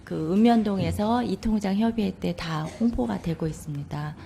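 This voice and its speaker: Dark-toned, creaky woman answering formally. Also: medium pitch, moderate pace, slight background noise. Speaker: government official answering questions. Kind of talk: formal answers at a council meeting.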